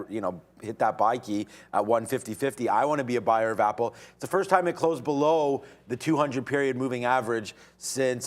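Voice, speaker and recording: A man hosting a day-trading livestream, giving casual, informal commentary as he thinks aloud. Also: medium pitch. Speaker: day trader and livestream host.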